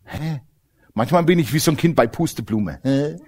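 Animated preacher, wide pitch swings. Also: male voice, brisk. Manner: animated, jokes with the congregation, swings from loud to hushed. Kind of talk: lively sermon.

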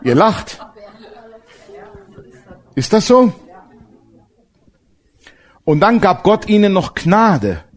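A man preaching a sermon to a congregation, animated and direct, asking them questions and mixing in humor. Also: high-pitched, drawn-out words, long pauses. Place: church service with congregation.

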